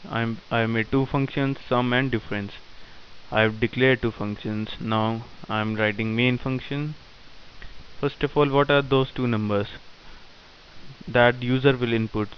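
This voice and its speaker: A man teaching programming in a screen-recorded tutorial, dictating code in short halting phrases. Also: medium pitch. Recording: dull lo-fi sound with faint hiss.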